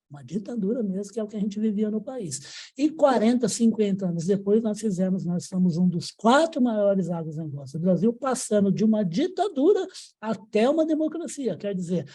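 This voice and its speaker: A man's voice: high voice, dark tone, breathy edge. A man hosting an interview show, talking emphatically in a folksy way with football idioms. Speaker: podcast host.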